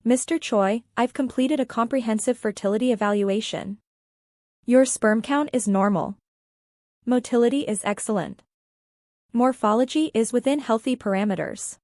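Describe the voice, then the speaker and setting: A woman's voice: fairly high pitch, moderate pace, darkish tone, no echo, clean studio sound, lightly acted. A woman narrator voicing a reassuring elderly male doctor in a story, formal and matter-of-fact. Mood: clinical, reassuring.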